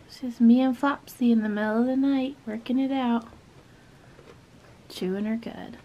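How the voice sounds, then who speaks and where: Her voice a little high and steady, a woman in her thirties narrates a casual vlog at a moderate pace, soft-spoken and often whispering. She films in a wooden barn at night and a farmhouse kitchen, and the lo-fi audio has a bit of hiss or hum.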